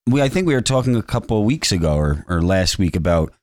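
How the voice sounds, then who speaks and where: A man's voice: deep voice, sing-song, quick pace, darkish tone, no echo, studio quality. A man co-hosting a podcast, talking casually in a conversational way. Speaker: podcast co-host. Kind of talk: casual chat.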